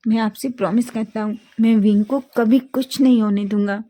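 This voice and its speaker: A woman voicing a calm, devoted young man who reassures gently. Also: fairly high pitch, normal speed, natural voice. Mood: earnest.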